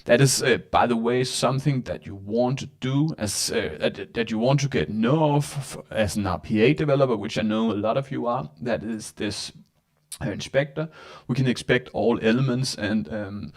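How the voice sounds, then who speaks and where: A man hosting a live software tutorial, talking casually and haltingly with many fillers. At times his voice sounds echoey and a bit robotic. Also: mid-range voice. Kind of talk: live screen-share walkthrough.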